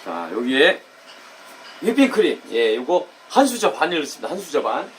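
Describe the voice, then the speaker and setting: High-voiced chatty cooking man. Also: moderate pace, noisy background. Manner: chatty, repeats "예" and "입장" as catchphrases; loud excited outbursts when tasting. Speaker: cooking YouTuber. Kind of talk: casual cooking demo and drinking vlog.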